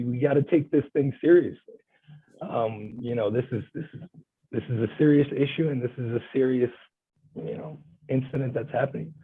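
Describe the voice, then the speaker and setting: A man's voice: medium pitch, husky. A man from Bulgaria, a guest lawyer, answering interview questions in an earnest, passionate and emphatic way over a video call. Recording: thin phone-like line.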